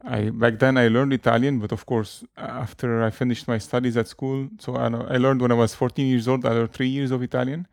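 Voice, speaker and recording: A Lebanese man in his thirties, whose first languages are Arabic and French, chats as a guest in a relaxed interview. His mid-range voice is brisk, a little mellow and creaky, with little pitch movement and hardly any pauses, and his speech is loose and hesitant with easy laughter. The recording is dry and close, with no room sound.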